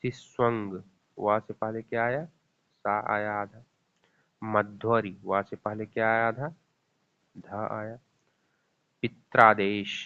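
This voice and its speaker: Slow, low-voiced man teaching grammar. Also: steady tone. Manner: slow, repeating each example and quizzing the viewer. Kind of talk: exam grammar lesson. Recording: tinny phone-like audio.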